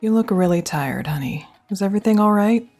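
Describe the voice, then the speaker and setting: With faint music in the background, a young woman performs a scripted girlfriend roleplay in an animated, fairly quick, slightly mellow mid-range voice. She stays close to the mic, teasing and reassuring her listener affectionately.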